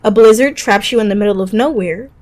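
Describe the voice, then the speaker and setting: A woman narrates a scripted top-five video game review quickly, her mid-range voice a little mellow. She keeps it conversational with casual asides, and music plays behind her.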